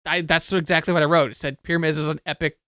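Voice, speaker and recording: A man in his thirties, co-hosting a podcast in casual chat, telling stories quickly and animatedly. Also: on the high side, flat delivery, sharp tone, clear, resonant tone. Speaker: podcast co-host.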